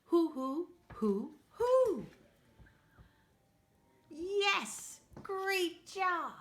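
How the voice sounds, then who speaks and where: With an extremely high pitch and drawn-out words, a woman reads aloud to young children. She's animated, playful, and encouraging, calling on the audience to join in and acting out sound effects.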